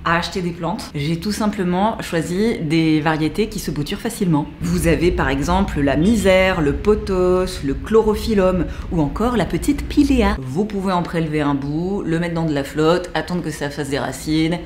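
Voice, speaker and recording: A young woman with a French accent talks close to the camera from a living room packed with plants. Her delivery is cheeky and full of slang. Her voice sits low, with faint background hiss. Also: normal speed, few pauses, a little mellow. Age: young adult. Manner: playful, slangy and jokey. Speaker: plant vlogger. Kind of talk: casual scripted vlog. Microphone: camera at close range.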